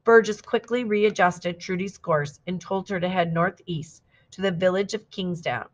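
A woman's voice: on the low side, normal speed. Woman reading a picture book aloud. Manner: steady, clear storytelling with lively quoted shouts. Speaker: storybook reader. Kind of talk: scripted narration of a picture book.

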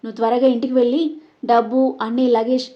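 A woman's voice: fairly high pitch, flat delivery, fast talker, highs cut off, close to an everyday voice. A woman voicing a frantic middle-aged mother who cries while begging. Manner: crying, frantic.

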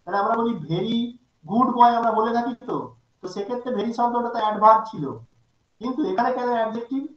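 A man's voice: extremely high pitch, a little fast, echoey room, highs cut off. A man teaching English grammar in an online class, stopping often to ask his students questions. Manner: asks students frequent check questions. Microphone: video call.

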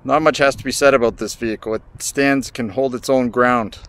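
A man's voice: medium pitch, fairly even intonation, fairly quick, a bit bright, smooth. A man giving an enthusiastic promotional car walkaround as a dealership salesman, speaking in short punchy phrases outdoors. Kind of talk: promotional vehicle walkaround pitch. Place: outdoors on a gravel car lot. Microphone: handheld camera held by the speaker.

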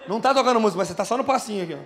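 Male stand-up, rural São Paulo accent, quick and high-voiced, faint room noise behind. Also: a faint crowd. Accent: São Paulo countryside caipira. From interior of São Paulo state, Brazil. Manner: animated, exaggerated rural slang. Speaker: stand-up comedian. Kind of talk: live stand-up comedy. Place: comedy bar stage before a live audience.

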